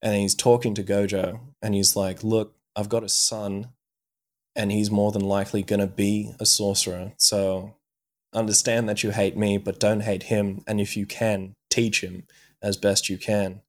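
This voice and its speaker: A man with a somewhat low voice chats on a movie podcast. He retells a story in a loose, meandering way, swearing freely and filling gaps with "like" and "um.". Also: level tone, normal speed. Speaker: podcast co-host. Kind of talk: casual chat, retelling an anime plot.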